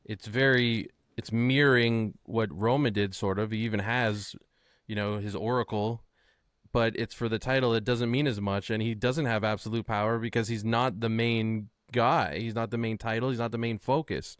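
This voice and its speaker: A man's voice: on the low side, fairly even intonation, moderate pace, clear, resonant tone, no echo, clean studio sound. A man co-hosting a wrestling podcast in casual chat, building points by repeating phrases. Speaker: podcast co-host.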